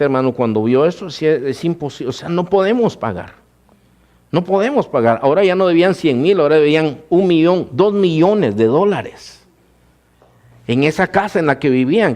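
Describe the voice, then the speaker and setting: Male pastor, fairly high voice, mid-sermon in church, keeps asking his flock questions. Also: a little mellow. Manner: addresses the congregation as "hermanos" often, asks rhetorical questions; slows down to stress numbers.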